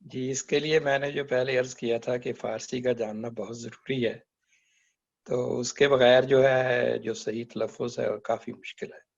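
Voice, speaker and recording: A man taking part in a literary discussion, speaking in a measured, agreeable way. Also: mid-range voice, steady tone, creaky. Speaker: discussion participant. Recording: dull lo-fi recording.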